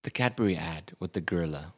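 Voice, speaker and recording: A man's voice: deep voice, animated, fast talker, husky. A man co-hosting a casual podcast over beers, laid-back, with short dry replies. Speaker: podcast co-host.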